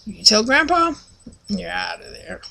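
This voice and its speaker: A woman's voice: very animated, measured pace, gravelly, a little hiss or hum. A woman vlogging casually, telling a rambling story full of fillers and restarts and acting out other people's lines. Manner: acts out other people's lines in a loud, high voice.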